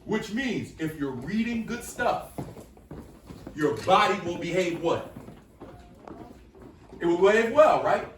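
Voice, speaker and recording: A man runs an energetic call-and-response lesson, throwing questions back at a class until they answer together. His voice sits fairly high for a man. He is picked up from a distance in a reverberant classroom, with a faint hiss underneath. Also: slow, pauses often. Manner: energetic, coaxing, repeats questions for the group to answer. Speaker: workshop speaker. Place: school classroom with students. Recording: echoey room from far off.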